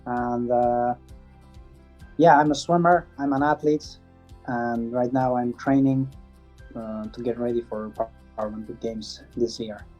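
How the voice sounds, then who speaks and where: A man's voice: medium pitch, steady tone, faint music behind. Hesitant Afghan man, dull lo-fi sound. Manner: halting, many fillers and restarts, non-native phrasing. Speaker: interviewee, swimmer. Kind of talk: interview answers.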